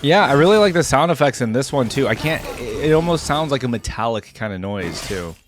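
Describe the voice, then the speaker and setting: Over game music and sound effects, a man at medium pitch delivers animated, fairly quick live reaction commentary. As a reaction video host, he keeps it casual and informal, thinking out loud and exclaiming frequently.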